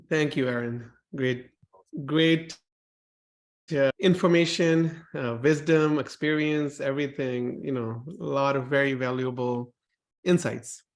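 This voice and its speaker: A man hosting a company talk, thanking the guest and opening questions in a halting way with many fillers. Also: medium pitch, steady tone. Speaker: host.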